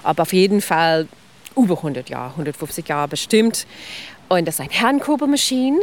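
A woman's voice: fairly low pitch, lively intonation, moderate pace, a little hiss or hum. Woman explaining ice cream history. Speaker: ice cream expert guest. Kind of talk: radio interview.

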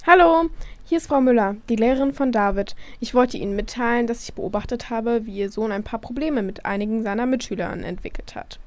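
Woman as a polite schoolteacher, fairly high voice. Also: fairly quick, darkish tone, lightly acted. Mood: apologetic, hesitant. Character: concerned, hesitant female schoolteacher, dutiful and polite. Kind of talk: amateur scripted audio drama.

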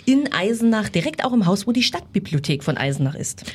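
A woman's voice: medium pitch, big pitch swings, fairly quick, a little mellow, husky. A woman who works as a community radio presenter, chatting casually in a candid, jokey way.

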